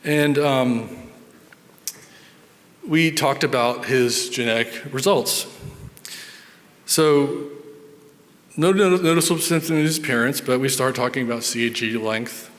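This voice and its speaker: A man's voice: medium pitch, steady tone, unhurried, long pauses, a bit bright. A man, a physician, telling patient stories in an earnest conference talk, often repeating words as he thinks. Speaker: neurologist giving a conference talk. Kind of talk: storytelling conference presentation. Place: large conference hall. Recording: reverberant hall sound.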